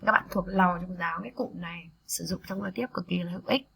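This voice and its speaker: Gravelly-voiced woman drilling English words. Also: fairly low pitch, fairly bright tone. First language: Vietnamese. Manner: repeats words slowly for students to echo, then explains quickly. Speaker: English teacher. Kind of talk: vocabulary lesson with repetition drills.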